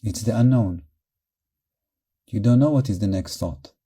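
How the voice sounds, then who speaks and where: A male meditation teacher with a fairly low, very mellow and soft-edged voice guides listeners calmly. His delivery is measured, in short phrases separated by pauses.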